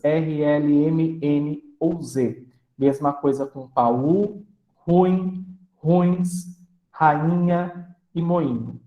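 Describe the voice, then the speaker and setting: A man teaching a grammar lesson, explaining slowly and splitting words into syllables, often checking in with the class. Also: on the high side, warm tone, echoey room. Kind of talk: grammar lecture.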